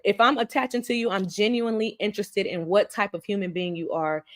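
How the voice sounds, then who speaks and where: Female stream host, candid and profane, quick to laugh. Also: fairly low pitch. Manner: blunt and profane, laughs often, slips into acted quotes. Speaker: live stream show host. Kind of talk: candid casual chat.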